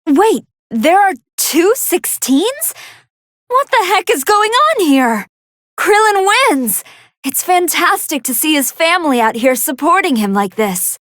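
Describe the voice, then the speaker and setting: A woman playing a polite, excitable young android scientist who fights a hidden hunger, giving earnest, articulate commentary in an anime fighting game. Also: very high voice, measured pace, no room sound, studio quality, full character voice. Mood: distressed, pleading, then excited, admiring. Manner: articulate, earnest, formal scholarly phrasing.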